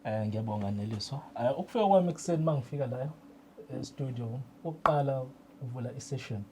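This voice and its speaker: In an indoor radio studio, a South African-accented man working as a radio drama technician explains things informally, mixing English into his Zulu frequently. His medium-pitched voice is fast, with slight background noise.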